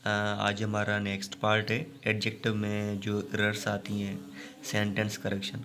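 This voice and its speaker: A man teaching a grammar lesson. He explains each rule step by step, often stops to check with "okay", and reads out example sentences slowly. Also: fairly low pitch, completely flat delivery, fairly bright tone. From Pakistan.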